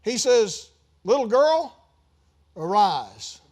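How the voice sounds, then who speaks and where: Male pastor, high voice, conversational sermon, swings into loud emphatic peaks. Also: very animated, extremely slow. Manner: conversational preaching with rising emphatic bursts and asides.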